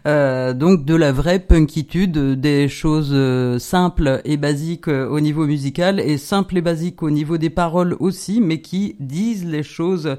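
This woman's voice sits low and dark, unhurried yet with hardly any pauses. As a concert programmer on a radio guest spot, she casually announces upcoming concerts in a playful chat peppered with hesitant fillers.

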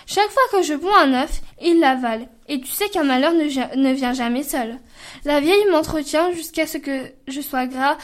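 A woman, a student reader, reading a folk tale aloud with an expressive voice. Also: sits high.

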